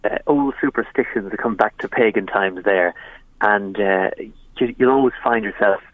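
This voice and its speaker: A man's voice: fairly low pitch, normal speed, dry recording, phone-quality sound. A man with an Irish accent from County Monaghan, talking conversationally as a guest in a radio interview. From Monaghan, Ireland. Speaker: documentary presenter being interviewed.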